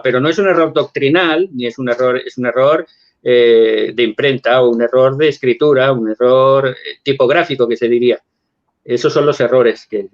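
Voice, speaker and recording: A man's voice: mid-range voice, muffled recording. A man from Valencia, Spain, a guest on an online show, explaining and testifying earnestly and often repeating words as he searches for them. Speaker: guest apologist.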